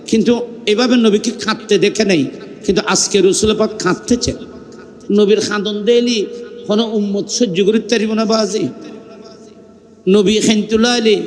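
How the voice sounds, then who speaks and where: Very high-voiced fervent preacher. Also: male voice. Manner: fervent, rising into sung cries and shouts. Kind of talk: impassioned sermon storytelling. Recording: long hall reverb.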